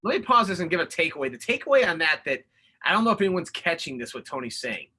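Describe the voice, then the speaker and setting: A man hosting an online talk, breaking in with takeaways and rhetorical questions in an energetic, preachy way. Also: a little high, fast, slightly rough. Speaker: host. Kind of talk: webinar talk, interjecting takeaways.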